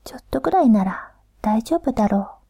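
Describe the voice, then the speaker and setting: A woman's voice: fairly high pitch, lively intonation, brisk, mellow, breathy edge, dry recording, clean studio sound. Woman whispering as a rustic easygoing man. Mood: musing. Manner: whispered, rustic old-style speech. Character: simple old-fashioned man, easygoing and curious.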